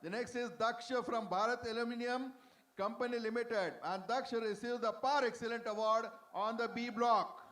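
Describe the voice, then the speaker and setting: Indian man, very high voice, award announcer who trips over names. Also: fairly even intonation, normal speed, a bit bright. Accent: Indian English. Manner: plain reading of names, stumbles on hard ones. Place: convention hall stage.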